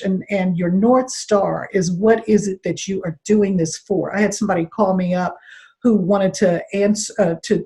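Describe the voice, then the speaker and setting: A woman's voice: mid-range voice, warm tone. A woman speaking as a consultant on a discussion panel, explaining her advice conversationally and with emphasis. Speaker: diversity consultant, panel guest.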